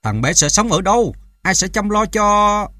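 A desperate father cuts in with short, breathless pleas, as a male reader acts him out. His voice is husky and lively in pitch, recorded close and dry. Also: a little fast, no room sound. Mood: pleading. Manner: short, urgent outbursts.

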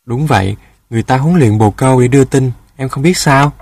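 A man's voice: mid-range voice, brisk, darkish tone, husky, dry recording. A man voicing a proud, friendly boy of about twelve in a storybook, a bit boastful. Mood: cocky.

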